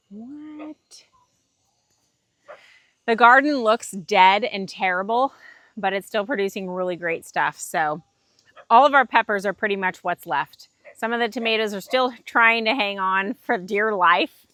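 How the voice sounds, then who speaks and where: A woman's voice: mid-range voice, lively intonation, normal speed, a bit bright, no room sound. Chatty woman vlogging outdoors. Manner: chatty, laughs easily, rambling. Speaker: farm vlogger. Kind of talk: casual vlog chat. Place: outdoors in a farm garden at dusk.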